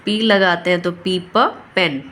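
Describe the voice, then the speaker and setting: A woman's voice: on the low side, measured pace, a bit bright, a little hiss or hum. A woman teaching a phonics lesson, patiently sounding out each letter. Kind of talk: phonics lesson for parents and children.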